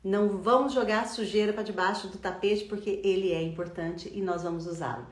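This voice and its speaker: A woman teaching English pronunciation, drawing words out slowly and asking the listener to repeat after her. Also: medium pitch, fairly even intonation. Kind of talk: slow, emphatic language lesson. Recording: echoey room.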